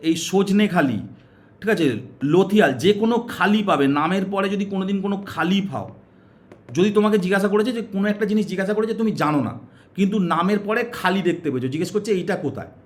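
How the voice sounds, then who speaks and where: Speaking fast and high, this coaching teacher poses questions only to answer them himself, with "okay" coming up again and again. His accent is West Bengal Bengali, and in this exam prep class he gently coaxes students, using stories as memory aids.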